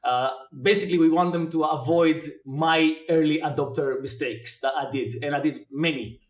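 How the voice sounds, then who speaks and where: A Greek-born blockchain educator in his forties answers questions about his background as an interview guest. His voice is slightly high for a man and echoes in the room, and he thinks aloud thoughtfully, pausing often with fillers.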